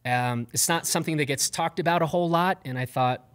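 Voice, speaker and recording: A man's voice: fairly high pitch, fairly quick, fairly bright tone. A man moderating a live panel, introducing guests in a loose, upbeat way with plenty of fillers, seated at a table on stage. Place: stage before a live audience.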